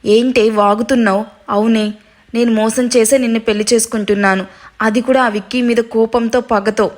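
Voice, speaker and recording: A woman's voice: fairly high pitch, fairly even intonation, moderate pace, lightly acted. Woman voicing a menacing scheming young man. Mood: threatening. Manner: threatening, domineering.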